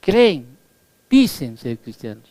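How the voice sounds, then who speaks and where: A man's voice: fairly high pitch, very animated, slow pace, darkish tone, no echo. A male pastor preaching a sermon emphatically, often tagging his points with rhetorical questions. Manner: emphatic, peppers lines with rhetorical "¿sí?"; acts out quoted voices.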